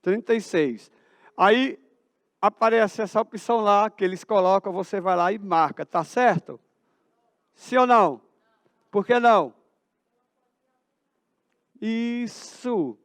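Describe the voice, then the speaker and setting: A man with a Brazilian accent leads a math lesson in a school auditorium, asking a question and then supplying the answer. His voice sits high and his delivery is slow. The sound is close and dry. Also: fairly bright tone, no echo. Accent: Brazilian Portuguese. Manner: asks the class questions and answers them himself. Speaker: teacher.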